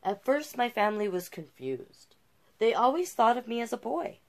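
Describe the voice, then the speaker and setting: A middle-aged Canadian woman, a drag king storytime host, reads a picture book aloud expressively in a small, cluttered indoor room, adding savouring asides of her own. Her voice is a little high and darkish in tone, very animated, at normal speed.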